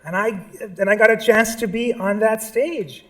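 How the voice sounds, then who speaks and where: A man with a Pakistani accent gives a live artist talk at a museum in a fairly bright voice that sits high, at a moderate pace. He's nervous, filling his speech with ums, restarts and asides.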